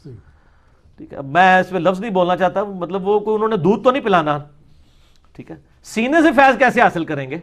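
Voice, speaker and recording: A man's voice: high voice, lively intonation, a bit bright. A man giving a religious lecture, arguing and mocking his opponents' views. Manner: mocking, argumentative, mimics opponents.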